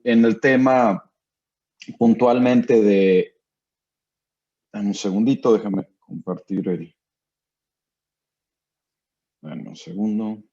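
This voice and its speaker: A man's voice: mid-range voice, dark tone. Man presenting over a webinar call. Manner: brisk, sharing slides, rhetorical questions. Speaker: guest speaker. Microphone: video call. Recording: dull lo-fi call audio.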